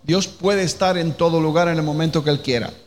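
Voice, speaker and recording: A man from preaches a sermon in a fairly high voice. He keeps asking the listeners direct questions and repeats his phrases. The sound carries a long hall reverb with a faint noise underneath. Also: steady tone, brisk. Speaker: pastor.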